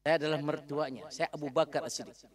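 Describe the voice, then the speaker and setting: A dignified elderly Abu Bakar, played by a male preacher telling the story speaks in slow, weighty phrases. His voice sits a little low and stays solemn. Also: fairly even intonation, crowd noise, close to an everyday voice.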